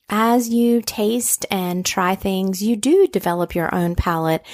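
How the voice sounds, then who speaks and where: A woman with a Southern American accent hosting a podcast, chatting casually with a guest and reading her show intro. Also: fairly low pitch. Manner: friendly, chatty, laughs easily. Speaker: podcast host.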